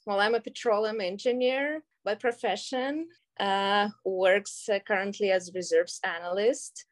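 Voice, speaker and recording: A woman's voice: medium pitch, measured pace. A woman in her thirties from Russia with a Russian accent, talking as an interview guest, hesitant with many fillers and frequent laughs. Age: 30s. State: pregnant. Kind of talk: casual interview.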